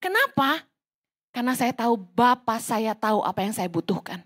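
A woman pastor preaches a church sermon, her voice sitting high. She talks in a casual, lively way, mocking petty prayers with teasing put-on voices. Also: normal speed. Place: church service, livestreamed.

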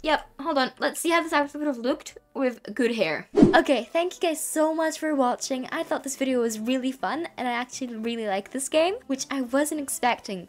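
Playful woman narrating her gameplay. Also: high voice. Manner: playful, mock-earnest, chatty. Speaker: gaming video creator. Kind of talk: casual gameplay commentary.

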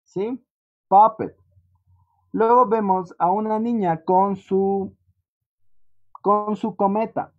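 A teacher patiently walking students through an online lesson, often checking in with a quick "¿sí?". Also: mid-range voice. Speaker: English teacher. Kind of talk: online class walkthrough. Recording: dull lo-fi online class audio.

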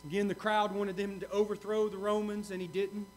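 Man, high voice, pastor, sermon, earnest, repeats his questions. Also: level tone, brisk, slight background noise. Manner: earnest, repeats key questions, swings from loud to hushed.

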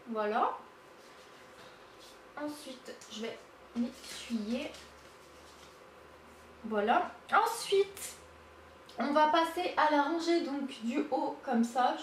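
A woman giving a casual makeup swatch demo, halting with many fillers and gushing over the colors. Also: sits high. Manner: hesitant, lots of fillers, gushing. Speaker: beauty vlogger. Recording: echoey room, mic at a distance, faint hiss.

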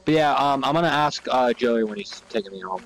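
A man chatting casually with gaming friends in a relaxed, rambling way, full of ums. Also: medium pitch, fairly quick. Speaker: gamer friend. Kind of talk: casual chat. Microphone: no headset mic, picked up by others.

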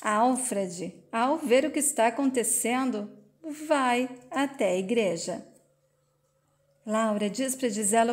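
A woman's voice: fairly high pitch, darkish tone. A woman retelling a soap opera scene in plain present-tense play-by-play. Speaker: narrator.

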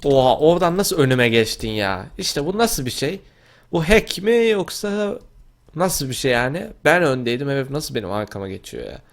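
A young man casually commentating his own Minecraft gameplay, talking to himself and yelping and shouting as the action heats up. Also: mid-range voice, normal speed. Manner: excitable, talks to himself, yelps and shouts mid-game. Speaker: gaming video host.

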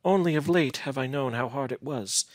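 A man voicing a gentle, lonely, devoted young woman in a gothic storybook, with archaic, plaintive, imploring speech. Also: mid-range voice, very animated, normal speed, dry recording, voice pushed up. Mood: wistful sorrow. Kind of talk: dramatic gothic storybook reading.

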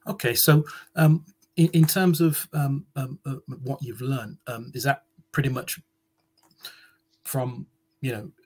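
A man's voice: mid-range voice, steady tone, slow, long pauses, darkish tone, slightly rough, rough recording. A man hosting an interview over a video call, hesitant with many fillers and restarts. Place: small indoor room. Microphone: video call webcam.

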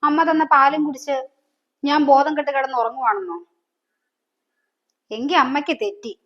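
A woman's voice: high-pitched, normal speed, close to an everyday voice. An actress playing a young student daughter who reproaches her mother with pointed questions. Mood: accusing. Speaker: actor. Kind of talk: family drama acting. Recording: dull lo-fi sound.

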